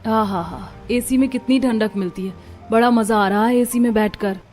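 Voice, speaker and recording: A woman's voice: on the high side, moderate pace, a little mellow, faint music behind, lightly acted. A woman voicing a carefree young daughter-in-law. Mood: relaxed. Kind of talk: cartoon voice acting.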